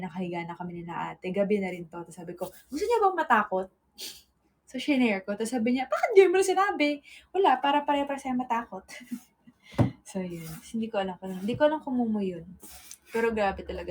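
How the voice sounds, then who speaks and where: A woman's voice: medium pitch, fast, darkish tone. A woman in a casual livestream chat, telling stories to her viewers, calling them guys and laughing often into her phone camera.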